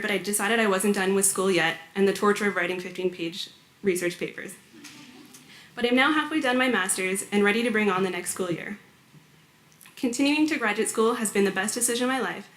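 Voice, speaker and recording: A woman's voice: mid-range voice, a bit bright. Woman speaking in an echoey hall. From Canada. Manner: read from a prepared text, lightly humorous. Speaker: graduate student speaker. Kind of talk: prepared speech at an orientation. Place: large hall before hundreds of students.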